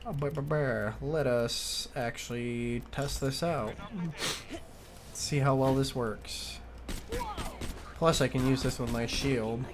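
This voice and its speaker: A man with a Midwestern accent chats loosely through a game stream, muttering to himself and swearing often. His voice sits at an ordinary middle pitch. A steady hiss of noise runs under the recording. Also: slow pace, pauses often. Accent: Midwestern American. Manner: rambling, profane, talks to himself while playing. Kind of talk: casual gameplay commentary.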